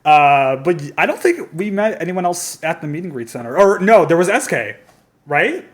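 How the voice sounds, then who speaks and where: Higher-voiced man hosting a podcast. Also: very animated, moderate pace. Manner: rambling recollection with frequent hesitations. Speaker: podcast host. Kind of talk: casual podcast chat.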